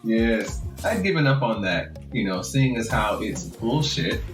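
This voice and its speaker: A man's voice: on the low side, sing-song, unhurried, music in the background. A man with a Jamaican accent, telling his story as a podcast guest in an earnest, reflective way and laughing often. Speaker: guest author. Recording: roomy echo.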